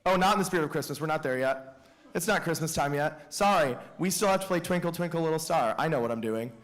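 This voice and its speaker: Man, school band director, slightly high voice, chatty jokey song announcements. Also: fast, a bit bright. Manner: joking, chatty asides to the audience. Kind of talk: announcing songs at a school concert.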